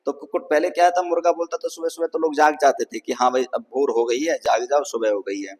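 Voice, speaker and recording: Hindi-speaking Sanskrit teacher in reverberant hall. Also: male voice, medium pitch, fairly even intonation, fast talker, slightly rough. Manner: patient, repeats "ठीक है ना" to check understanding; draws out vowels to show their length. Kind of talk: explanatory lecture.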